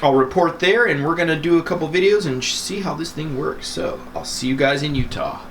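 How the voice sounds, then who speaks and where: Hosting a gadget review, a man chats casually and informally as he demos things, his fairly bright, high-leaning voice moving a little fast. It's captured with very noisy amateur camera audio.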